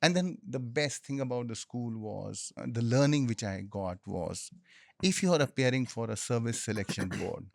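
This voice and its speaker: Male, Indian accent, native Hindi speaker, explanatory conversational storyteller, halting phrasing, dry studio-like sound. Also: mid-range voice, vocal fry, dry recording. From Jammu and Kashmir, India. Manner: explanatory, pauses mid-phrase, often says "you know". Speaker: interview guest, military officer.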